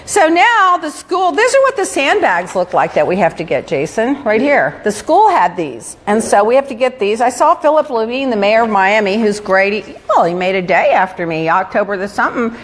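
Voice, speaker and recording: A middle-aged woman hosting a casual gossip chat, telling stories with animated, exasperated quoting. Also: a little high, moderate pace, hardly any pauses. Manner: animated storytelling, acts out exasperated quotes. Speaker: talk show host.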